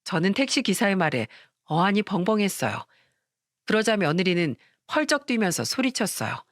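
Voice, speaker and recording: A woman storyteller reads a first-person story in a calm, confiding voice at a middle pitch. The recording is dry and close, with no room sound. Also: normal speed, no room sound.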